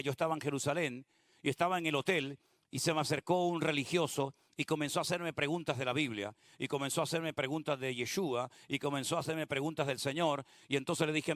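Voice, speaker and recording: A man preaching a sermon as pastor, moving between hushed prayer-like passages and rising, emphatic exhortation. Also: a little high, no echo, clean studio sound.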